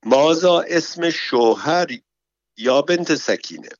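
A man reading a story, voicing a nosy and vengeful palace woman who speaks slow, heavily stressed broken Arabic. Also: on the high side, expressive, no room sound, voice pushed up, lightly acted. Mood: prying. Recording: dull, dry recording.

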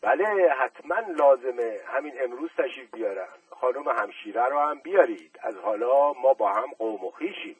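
A mischievous middle-aged aristocrat with a husky voice, as a male reader puts him on, sly and playful in every jab. He sits a little back from a slightly distant mic on a dry recording. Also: mid-range voice, very animated, hardly any pauses, no room sound, phone-quality sound.

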